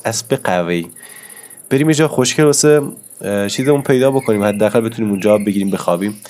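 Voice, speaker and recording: Man, hoarse from a cold, lowish voice, chatty, excitable gameplay commentary, faint background hiss. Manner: chatty, excitable, talks to viewers. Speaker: gaming YouTuber.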